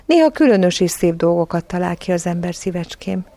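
A woman voicing a gentle mother in a storybook reading, fond and easily surprised. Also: lowish voice, animated, gravelly, no echo.

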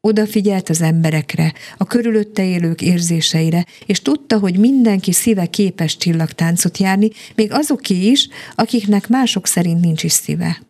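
Woman reading a bedtime story, low voice with some gravel, calm. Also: few pauses. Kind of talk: reading a children's story aloud.

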